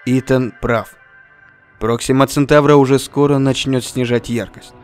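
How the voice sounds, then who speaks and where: A man's voice: mid-range voice, fairly even intonation, moderate pace, a little mellow, smooth, faint music behind, natural voice. A man playing a sober, practical spaceship crewman in a scripted sci-fi audio drama. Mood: resolved.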